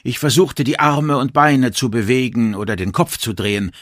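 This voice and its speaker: A man reading a first-person story aloud in a dramatic, expressive narration style. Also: mid-range voice, moderate pace, no echo, clean studio sound. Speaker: audiobook narrator.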